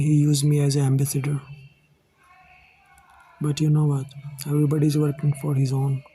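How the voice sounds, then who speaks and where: A man from India with an Indian English accent, telling his own life story to his viewers in a halting, earnest way. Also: fairly high pitch, warm tone, slight background noise, rough recording. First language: Hindi. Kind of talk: personal storytelling to camera.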